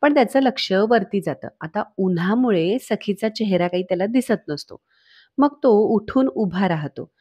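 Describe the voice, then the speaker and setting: A woman's voice: mid-range voice, animated, moderate pace, breathy edge, no room sound, muffled recording. A woman narrating a TV serial episode recap in a storytelling way, quoting the characters' lines as she goes.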